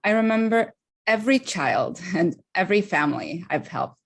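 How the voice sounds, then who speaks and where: A woman from Honduras, an immigration attorney, giving a prepared speech in an earnest, measured way that slows for emphasis. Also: mid-range voice, lively intonation, gravelly.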